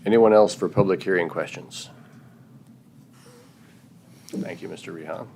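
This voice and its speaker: A man serving as mayor, chairing a city council meeting in a brisk, procedural way with the odd dry joke. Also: deep voice, gravelly, a little mellow, slight background noise.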